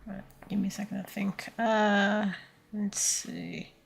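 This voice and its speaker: Young woman in her twenties, VTuber chatting while drawing. Breathy, low-key tired delivery that rambles and muses. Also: fairly even intonation, measured pace. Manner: low-energy, tired, laid-back. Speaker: VTuber streamer. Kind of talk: casual art stream chat. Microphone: desk microphone set to surround pickup.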